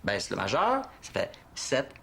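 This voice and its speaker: A man's voice: on the low side, wildly swooping pitch, measured pace, vocal fry, pushed and bright, full character voice. An actor with a Québécois French accent playing an eager, persuasive father in a family sitcom, talking colloquially and insistently. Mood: patient, coaching. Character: eager, persuasive father of a schoolboy, middle-aged. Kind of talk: naturalistic sitcom dialogue.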